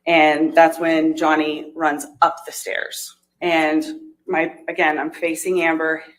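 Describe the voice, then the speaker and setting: A woman with a low voice testifies as a witness, captured on a courtroom recording that is replayed. She talks through the events step by step, pausing on "um" and restarting her sentences. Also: flat delivery, a little hiss or hum, low-quality recording. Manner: hesitant retelling with fillers and restarts. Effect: courtroom recording played in a livestream. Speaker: trial witness. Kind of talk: sworn testimony.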